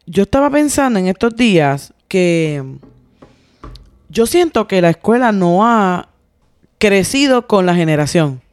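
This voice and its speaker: A woman's voice: medium pitch, animated, unhurried, no echo. A middle-aged woman co-hosting a casual podcast, working through her ideas step by step in a thoughtful, explaining way. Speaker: podcast co-host.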